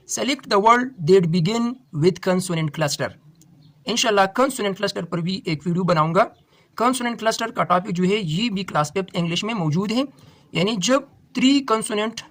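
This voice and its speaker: A young man with a Pakistani accent, pitched high for a man, teaches through a solved test paper. He explains each answer steadily and slows right down when reading the English questions aloud. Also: a bit bright. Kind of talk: exam-prep lesson, solving a test paper.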